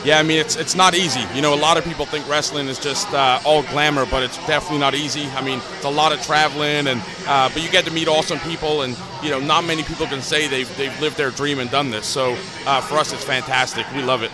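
A man's voice: on the high side, fairly even intonation, quick pace, few pauses. A man from Newcastle, England, a professional wrestler, answering interview questions casually with many fillers. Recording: loud music and crowd behind.

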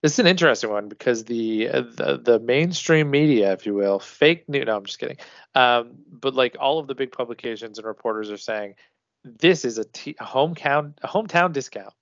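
A man's voice: medium pitch, expressive, brisk, creaky, dry recording. A man co-hosting a casual sports podcast, talking loosely with swearing and restarts. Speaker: podcast co-host. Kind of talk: casual hockey podcast chat. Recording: dull lo-fi dry sound.

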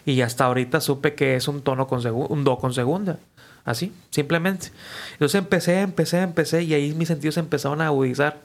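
A man, speaking a touch higher than most men. He tells his stories loosely and with energy, drops slang, and slips into the voices of the people he quotes. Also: fast, gravelly. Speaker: guest musician. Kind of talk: casual storytelling.

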